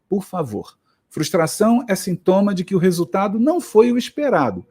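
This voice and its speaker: A man's voice: a little high, a little mellow, husky. A man with a Brazilian accent giving a motivational lecture to teachers, conversational and reflective, with frequent tag questions. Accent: Brazilian Portuguese.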